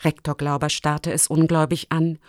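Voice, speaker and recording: A woman reading a children's storybook aloud in a calm, even, deliberate manner. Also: deep voice, dry recording, studio quality. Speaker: audiobook reader.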